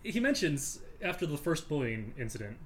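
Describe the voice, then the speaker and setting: Chatty man with a slightly higher voice. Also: moderate pace, a little hiss or hum. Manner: animated, quotes old radio ads in a put-on voice. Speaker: podcast co-host. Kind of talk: casual film discussion.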